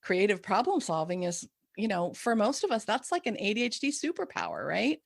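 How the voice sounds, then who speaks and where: A woman's voice: medium pitch, very animated, a little fast, vocal fry. A woman co-hosting a podcast conversation as an ADHD coach, affirming her guest and laughing easily.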